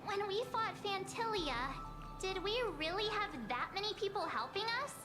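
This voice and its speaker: An actress voicing an excitable young female game character who gushes with breathless enthusiasm and apologizes quickly when she gets carried away. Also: extremely high pitch, reverberant, over music. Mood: curious. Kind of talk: game voice acting.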